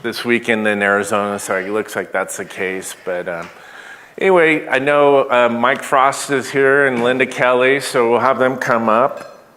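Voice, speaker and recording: A man speaking as pastor, giving church announcements in a halting way, with many pauses and fillers. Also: medium pitch, a bit bright. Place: church sanctuary. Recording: long church hall reverb.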